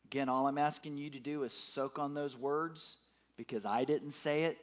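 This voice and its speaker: A man's voice: a little high, fairly even intonation, normal speed. A man in his fifties preaching a sermon, emphatic, repeating his words and putting questions to the congregation. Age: 50s. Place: church.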